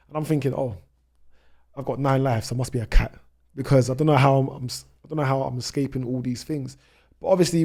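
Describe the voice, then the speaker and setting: Speaking as a podcast guest, a UK travel vlogger in his thirties relates his own experiences in a conversational way, peppered with "you know." His voice is mid-range with a dark tone.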